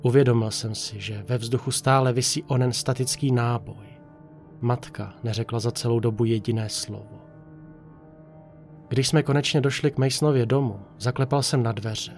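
A man calmly narrating a first-person horror story in a measured, scripted way. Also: mid-range voice. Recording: narration over faint music.

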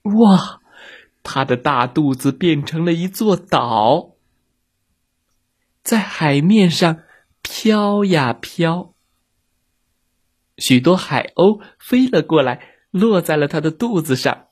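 Slow, breathy man telling kids' stories. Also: on the high side, expressive. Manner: gentle, drawn-out storytelling. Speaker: children's storyteller. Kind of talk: scripted narration for children.

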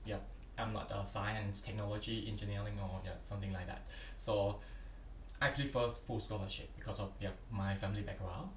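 This young man from Thailand, a PhD candidate guesting on a podcast, speaks at normal speed in a lowish, fairly even voice with a Thai accent. His answers are earnest and plain, frequently punctuated by "yeah" and "yep," and the mic sits far away in a roomy space with faint noise behind him.

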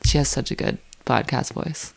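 A young woman with a raspy voice, a podcast guest who chats casually, rambles and laughs often. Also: moderate pace. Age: young adult. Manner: rambling, giggly. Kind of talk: casual chat.

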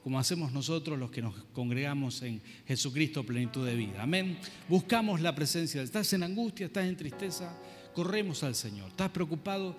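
A man preacher delivers a storytelling sermon in a fairly high voice. He keeps checking in with his listeners as he goes. His words ring out in a long church reverb while soft instrumental music plays behind him. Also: expressive, fairly quick. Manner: storytelling, asks listeners for agreement.

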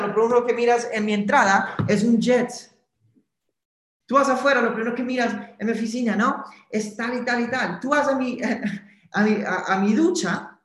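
A man's very high-pitched, slightly bright voice carries a roomy sound as he streams a motivational session from his office. He guides viewers through a visualization and ends almost every sentence with a quick question.

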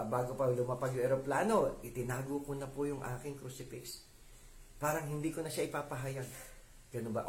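A man giving an informal sermon in Filipino and English, talking to listeners and often asking them to agree. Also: medium pitch. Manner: conversational, asks listeners to agree. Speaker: lay preacher. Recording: echoey room with faint background noise.

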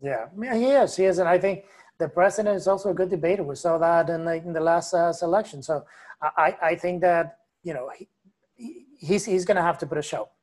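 A guest commentator on a casual political podcast, this man speaks briskly in a slightly high voice with a darkish tone. He is emphatic and opinionated.

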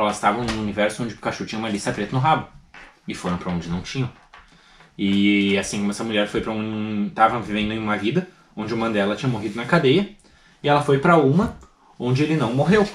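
A man, co-hosting a podcast, eagerly explaining a theory in casual chat. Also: medium pitch. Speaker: podcast co-host. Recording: echoey room with faint noise.

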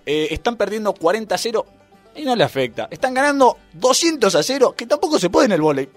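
A man's voice: high-pitched, fast. A man with an Argentine accent, a volleyball player and YouTuber, joking and telling stories as a guest in a radio interview. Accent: Argentine Spanish. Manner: joking, animated storyteller. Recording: radio studio with faint music.

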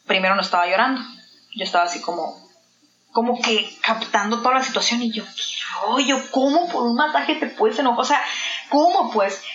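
Mexican woman retelling a story, roomy sound. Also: mid-range voice. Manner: animated retelling, acting out quoted dialogue. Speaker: interview guest. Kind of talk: personal story told in an interview. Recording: roomy, slightly dull sound.

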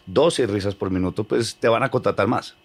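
A man's voice: on the low side, moderate pace. A man who is a comedian guest on a podcast, explaining and clarifying a point on behalf of his co-guest. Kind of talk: casual podcast conversation.

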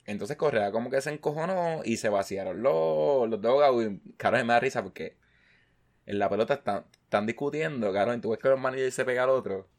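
A man, casually chatting as a podcast co-host and telling animated stories, swearing constantly and mimicking the people he talks about. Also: mid-range voice, brisk. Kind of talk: casual chat.

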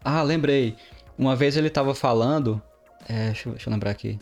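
Male co-host, animated storyteller, medium pitch. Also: fairly quick, faint music behind. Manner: animated storyteller, mimics others' phrasing. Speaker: podcast co-host, developer. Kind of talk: casual podcast chat.

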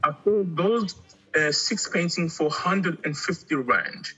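Appearing as an artist guest in a casual interview, this middle-aged Angolan man, raised in Congo, talks in a halting way with frequent repeated words. He has a sharp tone on the high side, and the slightly rough audio has its highs cut off, with faint music behind him.

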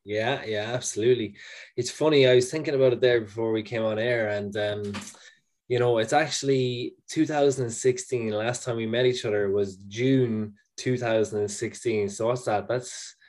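A man's voice: medium pitch, steady tone, moderate pace, darkish tone. A man with a west of Ireland accent from County Mayo, talking casually and reflectively as an interview guest. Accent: Irish, County Mayo. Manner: reflective, conversational, peppered with "you know" and "man". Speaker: podcast guest. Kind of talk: casual interview, personal storytelling.

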